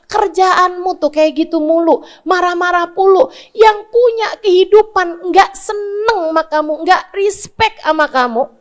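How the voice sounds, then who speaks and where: A woman in her forties from Indonesia preaching a sermon, scolding her listeners with blunt rhetorical questions and chanting verses in Arabic. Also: very high voice. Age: 40s.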